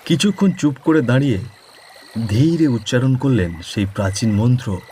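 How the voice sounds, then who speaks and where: A man's voice: medium pitch, lively intonation, normal speed, warm tone, slight background noise. A man narrating a village folk story for a cartoon in a descriptive, atmospheric storytelling manner.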